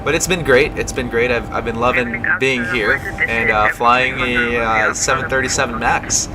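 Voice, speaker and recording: A man's voice: mid-range voice, fairly even intonation, moderate pace, noisy background. A man chatting casually as a flight streamer, rambling and self-deprecating. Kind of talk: casual chat to stream viewers.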